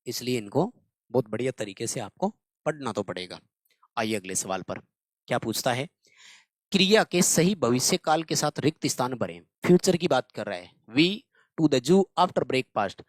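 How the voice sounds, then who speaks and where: A man's voice: on the high side, dry recording. A man teaching exam-prep questions step by step, repeating key answers and checking in with the listener. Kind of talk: Hindi exam-prep lesson.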